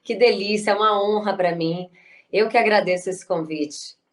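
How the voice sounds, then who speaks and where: A woman from Salvador with a Bahian Brazilian Portuguese accent declaims poetry and tells personal stories, expressive like a stage performer. Her medium-pitched voice is steady at a moderate pace, with a little hiss or hum; she is a guest actress, writer and improviser.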